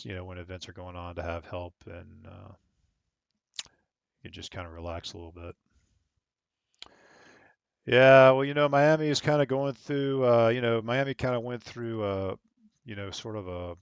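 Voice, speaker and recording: This online air traffic controller, streaming from a flight sim network, alternates radio calls with relaxed explanations. He has a low, gravelly, resonant voice that comes through clearly with no room sound, though the audio is somewhat muffled.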